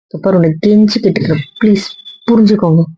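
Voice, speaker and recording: A woman's voice: medium pitch, fast talker, mellow, breathy edge, no room sound, natural voice. A woman plays a stubborn young wife in a homemade audio drama, begging earnestly while holding firm. Her voice sits in the middle of her range, and the recording is dull, dry and close. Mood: pleading. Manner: earnest, repetitive pleading.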